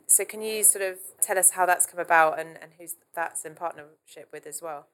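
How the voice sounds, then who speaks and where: A woman's voice: on the low side, fairly quick, a bit bright. A woman hosting a podcast interview, asking chatty questions with hedging fillers like "sort of". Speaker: podcast host.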